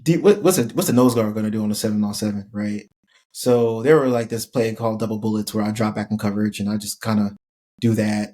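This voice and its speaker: A man in middle age telling a laid-back, laughing story as a podcast guest, with a lot of casual fillers. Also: on the low side. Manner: relaxed, laughing, lots of "like" fillers. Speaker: podcast guest, former college football player.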